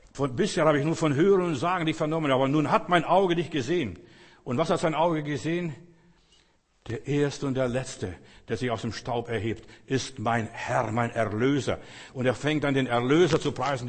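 A man preaching a sermon with emphatic swings between loud exclamations and hushed tones, speaking at a lectern. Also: medium pitch, husky. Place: church hall. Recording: long church hall reverb.

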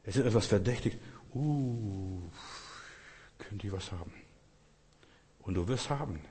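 A man's voice: fairly low pitch, animated, a little slow, dark tone, a little hiss or hum. A man preaching a sermon in an earnest, repetitive way, speaking directly to his listeners. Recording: long echo of a large hall.

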